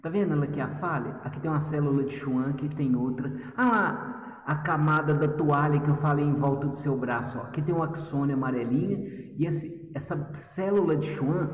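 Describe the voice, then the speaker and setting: A man's voice: on the high side, brisk, far from the mic, a little hiss or hum. A man teaching histology in a chatty, teasing way, talking straight to his students. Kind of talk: lively video lesson. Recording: echoey room, voice from off the mic.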